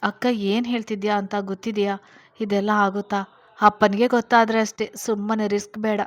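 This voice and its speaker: A woman's voice: mid-range voice, flat delivery, moderate pace, lightly acted. A woman doing a tearful young bride-to-be. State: crying.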